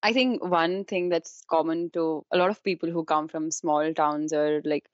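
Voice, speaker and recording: This young woman, a university student from Kashmir with a Kashmiri Indian accent, is a guest in a casual conversational interview, speaking informally and scattering "like" and "you know" throughout. Her voice is low, with fairly even intonation and a moderate pace. The recording sounds dull, roomy and echoey.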